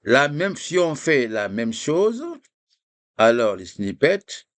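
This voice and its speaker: A man teaching Arabic reading in French, slowly spelling out syllables for students to repeat. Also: medium pitch, sing-song. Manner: addresses listeners as "les gars". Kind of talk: screen-shared lesson.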